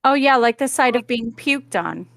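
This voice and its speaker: Indignant woman player, higher voice. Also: expressive, moderate pace, creaky, a bit bright, no echo, studio quality. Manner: indignant, prim. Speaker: tabletop player. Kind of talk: in-character play.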